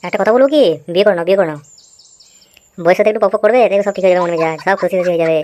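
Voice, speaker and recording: A woman's voice: mid-range voice, rapid-fire, darkish tone, close to an everyday voice. A woman voicing a friendly, chatty middle-aged male tea-stall owner in a comic cartoon who hands out advice.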